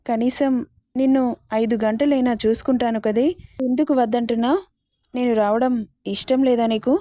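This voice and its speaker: A woman's voice: on the high side, steady tone, normal speed, warm tone, no room sound, clean studio sound, lightly acted. A woman voicing a loving young husband who pleads tenderly with his wife in a storybook reading.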